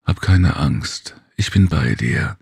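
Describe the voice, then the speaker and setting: A man voicing a calm, protective male companion who speaks inside a heroine's mind, soothing her with gentle mockery. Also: a bass voice, slow, vocal fry, husky, no room sound, clean studio sound, exaggerated voice.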